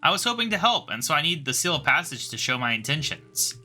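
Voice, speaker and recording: An earnest, polite young adventurer speaks in a bright, lively voice, read by a man. The tone stays eager and heroic for a game playthrough. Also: fairly high pitch, fast talker, soft background music, heavily acted.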